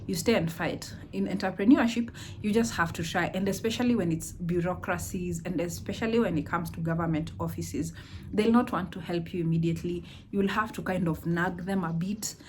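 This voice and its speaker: A young woman with a Kenyan accent talks casually to her camera, spinning a story with lively asides and laughs. Her voice sits a little low for a woman, and she slips easily between English and Swahili. A faint hiss runs under the recording. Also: a little fast. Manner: animated, mixes Swahili into English, laughs often. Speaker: vlogger, entrepreneur.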